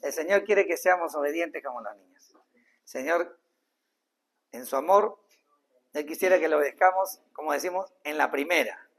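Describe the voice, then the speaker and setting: A man preaching a sermon as pastor, earnest, acting out short dialogues and swinging between loud rises and soft drops. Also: a little high, moderate pace, creaky, long pauses. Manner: acts out little dialogues in changed voices.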